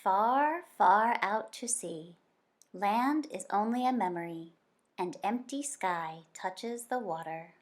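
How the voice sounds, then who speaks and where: A woman with a medium-pitched voice reads a children's nonfiction picture book aloud the way a teacher would. Her delivery is expressive and deliberate, like storytelling.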